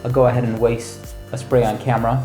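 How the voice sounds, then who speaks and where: A man's voice: mid-range voice, little pitch movement, quick pace, dark tone. A man hosting a casual product review, explaining things in an informal, laid-back way. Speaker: fragrance reviewer and channel host. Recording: roomy echo with music underneath.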